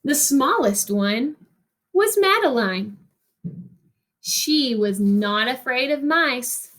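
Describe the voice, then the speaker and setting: A woman reading a picture book aloud like a teacher, expressively, with explanatory asides and pauses for young listeners to answer. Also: high voice, animated, a bit bright.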